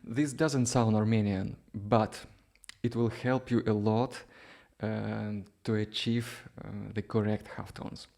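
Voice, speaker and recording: A duduk teacher whose first language isn't English gives an informal music lesson, explaining hesitantly and dropping in little check-in questions. His voice is on the low side, steady, a little mellow and slow, with vocal fry.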